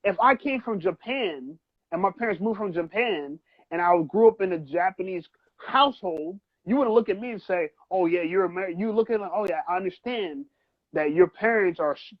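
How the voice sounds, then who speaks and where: In a muffled recording, a first-generation American with Trinidadian parents co-hosts a podcast, debating heatedly yet casually. His high voice moves briskly, and "you know what I'm saying" comes up often.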